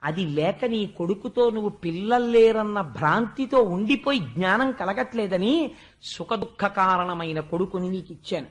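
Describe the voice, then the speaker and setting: A man's voice: high voice, expressive, normal speed. A man giving a devotional discourse, telling a sacred story dramatically and reciting verses in a chanting tone. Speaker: spiritual discourse speaker.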